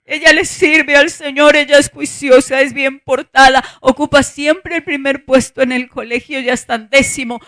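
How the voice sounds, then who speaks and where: Colombian lady pastor preaching in church, high voice, gets loud and teary. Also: steady tone, moderate pace, few pauses. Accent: Colombian Spanish. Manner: impassioned, crying and shouting at peaks. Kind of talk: emotional sermon testimony.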